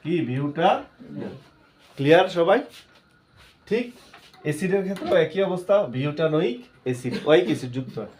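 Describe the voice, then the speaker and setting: A man's voice: fairly high pitch, animated, fast talker, darkish tone, a little hiss or hum. A male chemistry teacher, giving a classroom lesson. He keeps asking his students questions and then answers them himself.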